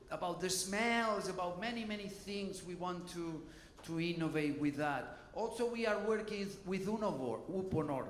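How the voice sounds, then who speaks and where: A man's voice: high-pitched, a bit bright, reverberant, slight background noise. A man, speaking informally on a conference panel and often adding "you know" and "okay". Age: 50s. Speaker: hotel innovation panelist. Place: conference hall.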